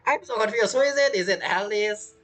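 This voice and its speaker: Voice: medium pitch, brisk, a bit bright, faint music behind. A game streamer giving casual reaction commentary and theorizing aloud.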